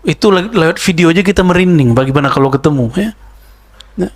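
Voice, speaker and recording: A man preaching in a relaxed, conversational sermon, his voice sitting a little high for a man. He throws in rhetorical questions and teasing asides, then slows down to chant scripture. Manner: chants Arabic verses slowly.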